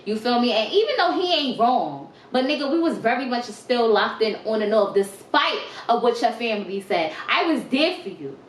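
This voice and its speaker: A young woman telling a storytime vlog, animated, emphatic and full of profanity. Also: fairly high pitch, moderate pace, hardly any pauses. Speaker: vlogger. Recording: roomy with faint noise.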